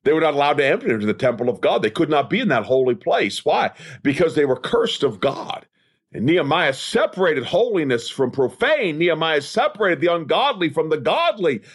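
His voice is fairly high, sing-song, a little fast and breathy as he preaches. An evangelist and podcast host, he gives an emphatic expository sermon with a repetitive rhetorical cadence.

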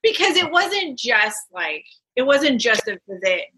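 A woman hosting a podcast interview, her voice bright and a little high. She is playful and often jumps in with jokey asides. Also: big pitch swings, a little slow, slightly rough, rough recording. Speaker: podcast host. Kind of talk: interview conversation.

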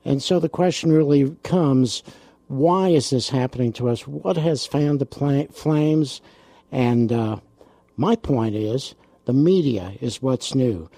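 A man hosting a radio talk show, speaking in a relaxed way with frequent ums and uhs. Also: medium pitch, slow pace, no room sound.

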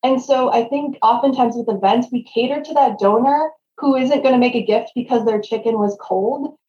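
Higher-pitched mellow woman in a roomy recording. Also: normal speed. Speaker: podcast guest, nonprofit fundraising consultant. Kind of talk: conversational interview. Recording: roomy, slightly dull lo-fi sound.

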